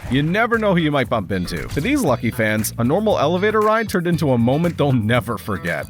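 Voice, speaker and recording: Man narrating with a very lively pitch. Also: quick pace, soft background music. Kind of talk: scripted narration.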